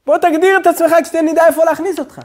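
A male rabbi giving a sermon, speaking slowly and deliberately and often dropping to a low, quiet tone. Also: fairly even intonation. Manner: slow, deliberate preaching with sudden drops to a low hush.

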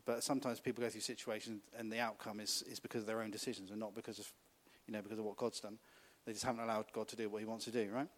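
A man's voice: lowish voice, little pitch movement, racing. A man preaching a conversational sermon, often laughing and asking the congregation questions.

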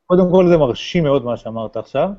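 A man's voice: a little high, lively intonation, a crowd in the background. A man chatting casually as a podcast co-host. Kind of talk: casual chat. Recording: dull, lo-fi sound.

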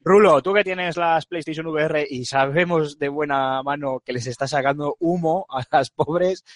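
A man's voice: fairly high pitch, normal speed, no room sound, studio quality. A man with a Castilian Spanish accent hosting a casual group game discussion, bantering and correcting himself as he goes. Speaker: podcast host.

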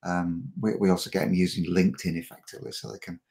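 Low gravelly man, halting chat. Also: steady tone, a little mellow. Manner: frequent repeated words and restarts. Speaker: podcast guest, marketing coach. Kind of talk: casual interview chat.

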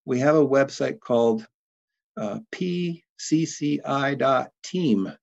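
Male guest, gravelly, hesitant and thoughtful, dull muffled audio. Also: medium pitch, darkish tone. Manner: thoughtful, halting with many fillers. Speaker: interview guest, documentary producer. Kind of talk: conversational interview.

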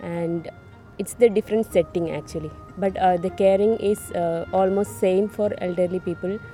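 Hesitant woman from Kerala, mellow voice. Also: fairly low pitch, fairly even intonation, normal speed, soft background music. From India, Kerala. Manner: hesitant, many fillers. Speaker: nurse. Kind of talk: interview answers.

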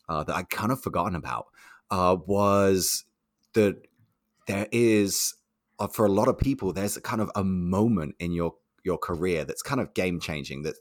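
A young man with a low voice tells a story in conversation, animatedly acting out the other voices in it. The recording is dry and of studio quality.

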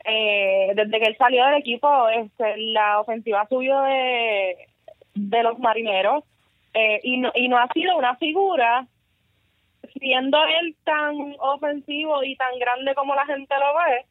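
A woman's voice: high-pitched, unhurried, no room sound. A woman giving casual sports commentary as a podcast co-host. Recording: muffled, radio-like narrow sound.

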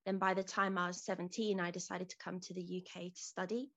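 A woman's voice: lowish voice, little pitch movement, brisk, a bit bright. Reflective woman from Zambia telling her story. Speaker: podcast guest. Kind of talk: casual interview storytelling.

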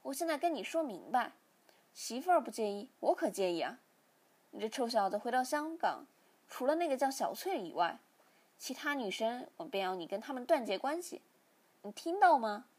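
A woman voicing a stern, angry older father who scolds his son, in a breathy, indignant reading. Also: on the high side, very animated, moderate pace, a little mellow. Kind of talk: storytelling reading.

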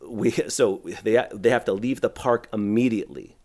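A middle-aged man, a youth pastor, telling a long story on a podcast in a rambling, animated way full of "like". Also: fairly low pitch, moderate pace. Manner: animated, rambling, heavy use of "like".

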